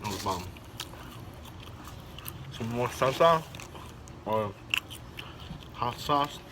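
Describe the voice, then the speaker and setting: A man's voice: medium pitch, lively intonation, drawn-out words, background noise. A man chatting casually to camera as a mukbang host while eating crunchy fried chicken, smacking and savoring with little mms.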